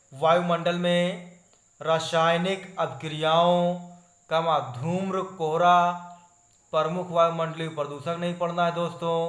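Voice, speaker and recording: A man's voice: fairly high pitch, echoey room. A man teaching chemistry online, steadily listing topics and calling his viewers friends. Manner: steady listing tone, repeating "not to study", addressing viewers as friends. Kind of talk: online exam-syllabus lesson.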